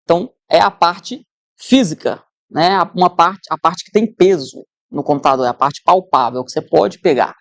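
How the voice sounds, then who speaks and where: A woman's voice: on the low side, moderate pace, no echo, clean studio sound. A woman teacher giving an exam-prep lesson, conversational, who keeps checking in with her students.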